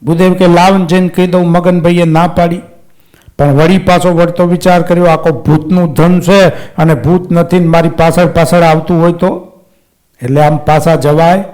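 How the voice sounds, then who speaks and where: A male preacher tells a devotional folk tale in a lively way, slipping into each character's voice as the story goes. His voice sits high for a man. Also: moderate pace. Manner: lively narration, acting out characters. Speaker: katha storyteller.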